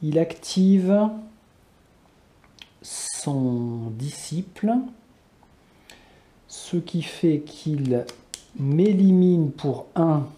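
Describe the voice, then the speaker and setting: A man's voice: fairly high pitch, lively intonation, drawn-out words, pauses often, mellow. A man narrating a solo card game, muttering to himself and counting cards aloud. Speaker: board game player.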